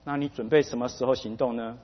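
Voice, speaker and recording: A man's voice: mid-range voice, fairly even intonation, quick pace, close to an everyday voice. A man retelling a grave old pastor. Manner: serious, admonishing. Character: elderly male pastor, grave and counseling. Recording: dull lo-fi, long hall reverb.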